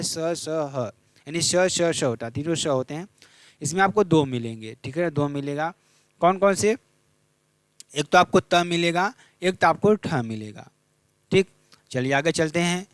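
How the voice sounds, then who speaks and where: A man's voice: a little high, dry recording. A young man teaching a Hindi exam revision lesson, repeating each question and checking in with his students.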